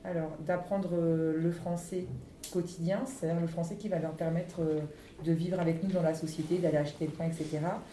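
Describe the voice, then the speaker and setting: A woman's voice: lowish voice, level tone, fairly quick, dark tone. A woman teacher answering interview questions in a chatty, teasing way, laughing often. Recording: echoey room, distant mic, faint noise.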